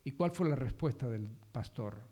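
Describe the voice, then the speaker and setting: A man's voice: mid-range voice, expressive, moderate pace, mellow. A male pastor preaching a sermon, asking the congregation questions and answering them himself, with emphatic stress on key words.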